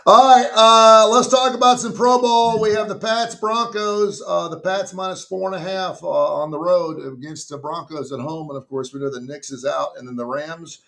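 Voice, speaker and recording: A man's voice: fairly high pitch, steady tone, normal speed, vocal fry, few pauses. A man in his fifties hosting a sports talk show, loose and jokey, with frequent restarts and chuckles. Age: 50s. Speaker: sports radio host.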